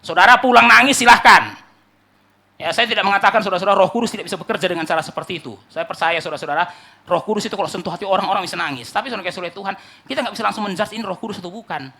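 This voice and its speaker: A male pastor preaching an animated sermon, often calling out to the congregation and mimicking churchgoers. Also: sits high, rapid-fire, a little hiss or hum.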